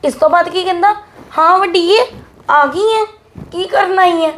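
A woman's voice: normal speed, a bit bright. A woman playing a feisty, defiant elder sister. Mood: complaining. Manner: scolding, defiant, high-pitched. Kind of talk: family short-film acting.

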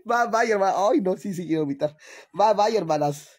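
A man's voice: high-pitched, slightly rough, dry recording, exaggerated voice. A man playing a crude, fretful young woman who thinks she is pregnant, sighing and whining in a comedic vlog skit. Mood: chatty. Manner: whiny, sighing, keeps repeating "ay, hermanas".

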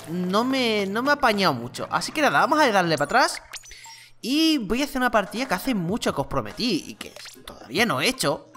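A gaming channel host with a Spain Spanish accent giving chatty, excitable gameplay commentary. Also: medium pitch, a little hiss or hum. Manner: excitable, chatty, exclaims and laughs during play.

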